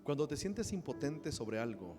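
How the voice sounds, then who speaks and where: High-voiced Mexican pastor preaching passionately. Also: male voice, big pitch swings, moderate pace, over music. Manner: builds from quiet personal story to loud impassioned preaching. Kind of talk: sermon.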